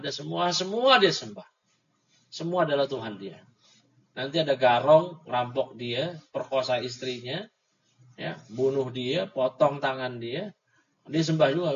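A man's voice: medium pitch, fairly bright tone. A man teaching an Islamic book study, reading Arabic passages and explaining them casually with mocking jokes for his listeners. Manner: reads Arabic text then explains it in colloquial speech; mocking, jokey asides to the audience. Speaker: religious teacher. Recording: dull lo-fi audio recording.

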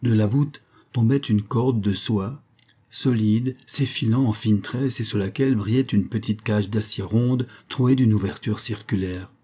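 Male audiobook narrator, husky timbre, measured somber storytelling. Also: on the low side, dark tone. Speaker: audiobook reader. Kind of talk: scripted narration.

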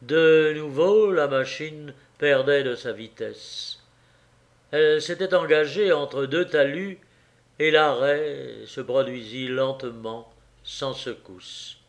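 A man reading a classic novel aloud as an audiobook, in a measured, deliberate way. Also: fairly high pitch. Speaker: audiobook narrator.

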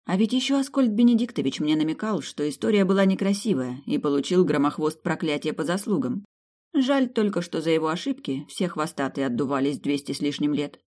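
A woman reading a humorous fantasy audiobook in first person, lively and ironic. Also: deep voice, brisk. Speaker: audiobook narrator.

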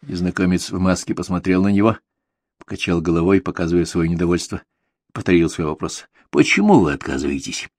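A man narrating an audiobook in an even, measured reading. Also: low-pitched, no room sound, studio quality. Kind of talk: scripted narration.

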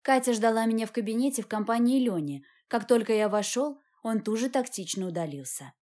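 A woman reading a first-person novel aloud as an audiobook, in an even, measured way. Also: on the high side. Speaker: audiobook reader.

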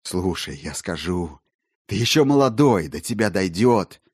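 A man voicing an excitable male collector who pleads feverishly and rises toward shouting. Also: sits low, a little slow, husky, no room sound, clean studio sound, heavily acted. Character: excitable, rambling male collector, wild-eyed.

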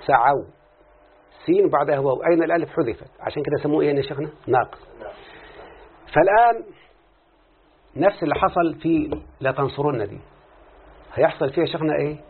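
A man's voice: fairly high pitch, slightly rough. A man with an Egyptian Arabic accent teaching Arabic grammar in a classroom lesson, explaining step by step and often quizzing his students. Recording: tinny lo-fi phone-like recording.

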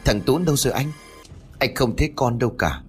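A man voicing a frantic young mother who calls out urgently, half-shouting. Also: mid-range voice, expressive, moderate pace, faint music behind, natural voice. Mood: panicked. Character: frantic young mother searching for her son.

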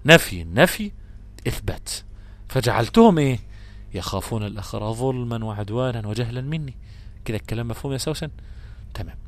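A man with an Egyptian accent teaching a lesson on Quran recitation, explaining patiently, repeating his examples and chanting verses slowly. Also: medium pitch, lively intonation. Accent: Egyptian Arabic.

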